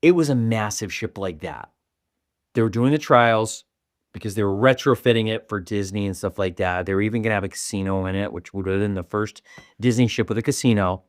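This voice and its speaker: A man's voice: on the low side, a little fast, dry recording, clean studio sound. A young man co-hosting a casual podcast, rambling with restarts and casual swearing. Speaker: podcast co-host. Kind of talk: casual chat.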